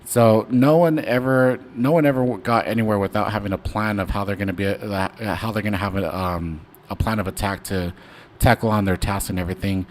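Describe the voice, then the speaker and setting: A young man chats loosely through a trading stream in a fairly low voice, filling gaps with ums and slang. Soft background noise sits under his talk. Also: steady tone, a little fast. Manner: laid-back, rambling, slangy with many fillers. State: hiccuping. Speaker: stock trading stream host. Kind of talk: casual livestream chart talk.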